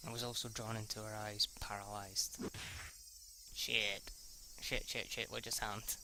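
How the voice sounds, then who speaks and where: A man whose voice is on the low side reads a visual novel aloud in a level, unhurried way over background noise, as an amateur let's player. His narration stumbles over words and restarts with reread lines, and he's casually foul-mouthed in his off-the-cuff reactions.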